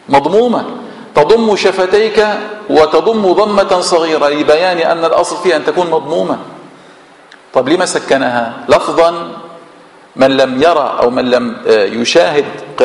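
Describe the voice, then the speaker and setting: Man, Levantine Arabic accent, mosque exegesis lesson, fairly high voice, answers his own questions, long hall echo. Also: vocal fry. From Syria. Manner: asks rhetorical questions and answers them himself. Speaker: sheikh teaching Quran exegesis.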